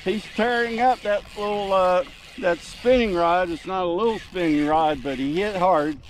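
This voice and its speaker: An older man narrating casually as he fights fish from a kayak on a lake, whooping with excitement, recorded on a mounted camera. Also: high voice, normal speed, slight background noise. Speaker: fishing vlogger. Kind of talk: casual narration while fishing. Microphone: action camera mounted on kayak.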